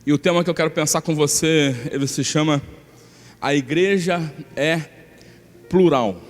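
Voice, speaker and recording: A man's voice: on the high side, normal speed. A man from Brazil, a pastor, preaching a sermon, coaxing the congregation to repeat phrases and reading scripture aloud with emphatic stress. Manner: coaxes the congregation to repeat phrases after him. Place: church hall. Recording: long hall reverb with faint music.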